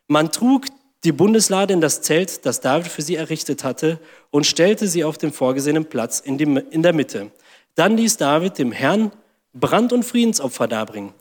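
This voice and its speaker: Higher-voiced man preaching a sermon. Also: animated, moderate pace, big-room sound. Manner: reads scripture aloud, acts out mocking inner voices.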